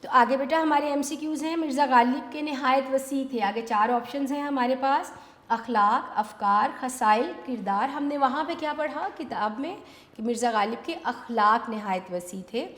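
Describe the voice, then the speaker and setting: A woman teacher leads an online exam-prep lesson, calling students "beta" and asking and answering her own questions. Her voice sits a little high. The sound is roomy, with a long hall echo. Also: fairly bright tone. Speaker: Urdu teacher.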